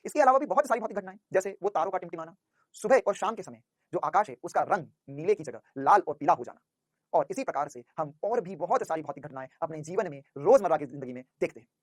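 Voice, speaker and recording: Fast, lively male physics teacher. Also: high voice, no echo, clean studio sound. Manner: asks questions and answers them himself, calls students "बेटा". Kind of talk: classroom physics lecture.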